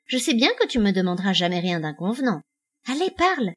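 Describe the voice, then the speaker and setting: A woman's voice: mid-range voice, sing-song, quick pace. A woman reading a coaxing, teasing female friend. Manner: coaxing, prodding. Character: brisk teasing adult woman friend, cooking.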